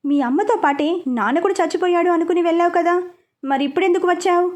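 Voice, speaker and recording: A woman's voice: very high-pitched, fast, darkish tone, voice pushed up. A woman voicing an older father who is hurt and angry, speaking in a bitter, reproachful way.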